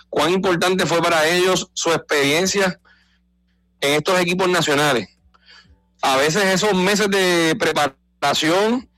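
Higher-voiced man discussing baseball. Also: sharp tone, no room sound, low-quality recording. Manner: informed, explanatory, emphatic. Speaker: baseball radio commentator. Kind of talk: casual sports talk.

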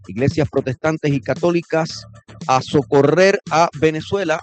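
Brief: radio news host, fairly high male voice, brisk headline reading.

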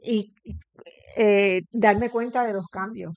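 A middle-aged woman hosts a relaxed interview. She muses aloud and pauses often to gather her thoughts. The sound is dry and close, with no room echo. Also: medium pitch, dull audio. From Puerto Rico. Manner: reflective, thinks aloud with frequent fillers. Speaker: interview host. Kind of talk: conversational interview.

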